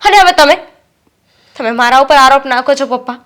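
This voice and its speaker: Young daughter, reproachful and determined, played by a woman; high voice. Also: fairly quick, fairly bright tone. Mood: hurt, defiant. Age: young adult. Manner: reproachful, firm. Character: student daughter, resentful and determined. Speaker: daughter studying to be a pilot. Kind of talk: Gujarati short-film acting.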